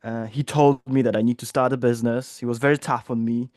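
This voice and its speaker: A man's voice: medium pitch, fairly even intonation, a little fast, a little mellow, no echo, studio quality. A man in his thirties from Poland with a Polish accent, an interview guest speaking in an upbeat, chatty way with many fillers. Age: 30s. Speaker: guest, business coach. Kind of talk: casual interview talk. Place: home office in London.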